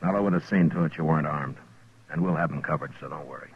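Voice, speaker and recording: A man playing a stern, steady frontier marshal in an old radio western, terse and commanding. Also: very deep voice, quick pace, husky, exaggerated voice. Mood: calm, firm. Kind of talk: 1950s radio western acting. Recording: muffled, noisy old radio recording.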